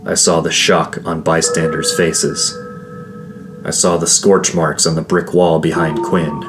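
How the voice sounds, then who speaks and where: A man reading a first-person fantasy novel aloud as an audiobook narrator, in a measured, grave storytelling manner. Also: rumbling low, level tone, over music.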